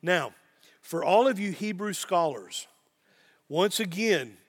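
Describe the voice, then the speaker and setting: A man with an Appalachian accent giving an informal sermon as a pastor, earnest, excitable and folksy, repeating phrases for emphasis. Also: sits high, slow. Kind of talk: sermon, informal Bible teaching.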